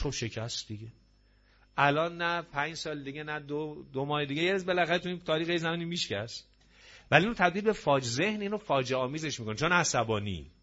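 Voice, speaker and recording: Speaking in a slightly bright voice on the high side, a man preaches to a gathered audience in a hall. The sermon is religious, emphatic, and thick with rhetorical questions, recorded in dull lo-fi audio.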